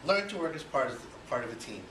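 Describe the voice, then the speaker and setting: At a quick pace, this Cuban-born man in his forties speaks in a fairly high, sing-song voice. He's giving an audience a conversational icebreaker speech about himself, full of you-knows and rhetorical questions, and the recording is noisy and echoey with him far from the mic.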